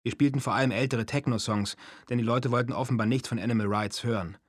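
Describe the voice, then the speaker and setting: A man with a mid-range voice narrates a first-person audiobook story at a fast clip, with no echo. His manner is dry and self-mocking.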